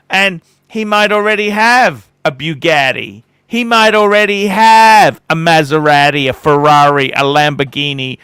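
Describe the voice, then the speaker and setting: A man's voice: high-pitched, bright, forceful tone, smooth, no room sound, clean studio sound. A man hosting a livestream, talking emphatically and repeating points for stress, while his audio keeps glitching and freezing over an online call. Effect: glitching, freezing audio that keeps breaking up. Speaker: livestream host. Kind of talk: casual livestream chat.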